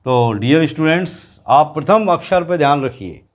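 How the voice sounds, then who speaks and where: A man teaching an English grammar lesson to students, explaining slowly and repeating example words. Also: fairly high pitch, expressive. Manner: slow, repetitive explaining, addressing students directly.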